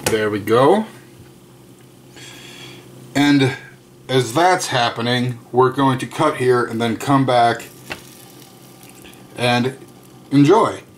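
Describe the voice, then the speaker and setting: A thirties-aged man with a medium-pitched voice hosts a relaxed home cooking video, joking slowly and easily as he cooks, tastes, and chews between lines. He's in his home kitchen and dining room, with a little background noise.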